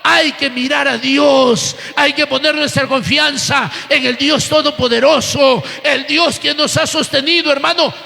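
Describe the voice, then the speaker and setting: A middle-aged man, a pastor, preaching a fervent sermon and often shouting. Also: very high-pitched, fairly even intonation, unhurried, gravelly, hardly any pauses. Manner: fervent, often shouting, repeated calls of "hermano". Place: church. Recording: echoey church hall.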